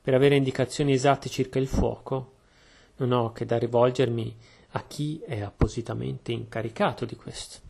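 A man voicing a shrewd, calm Belgian detective who speaks in a measured, deliberate way. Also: mid-range voice, creaky, slightly rough. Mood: calm, probing.

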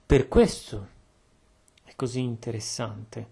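A man voicing a shrewd, calm Belgian detective who speaks in a measured, deliberate way. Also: medium pitch, vocal fry, breathy edge, full character voice. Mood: calm, probing.

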